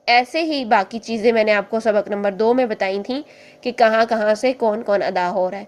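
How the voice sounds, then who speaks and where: A woman teaching an online Quran class, explaining letter sounds patiently and step by step, then slowly demonstrating each one. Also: fairly high pitch.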